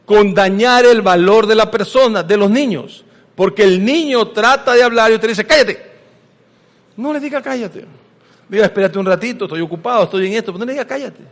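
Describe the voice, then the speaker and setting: A man preaching a sermon as a pastor. He is animated, swinging between loud emphasis and hushed asides, and questions the congregation directly. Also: sits high. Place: church sanctuary. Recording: long reverb of a large church hall.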